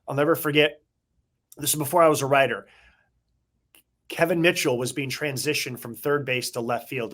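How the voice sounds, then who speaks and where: A man's voice: a little high, fairly bright tone. A middle-aged man co-hosting a podcast, a former baseball beat writer, telling casual nostalgic stories in a reflective way. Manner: reflective, nostalgic, drawn-out anecdotes. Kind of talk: casual conversational storytelling.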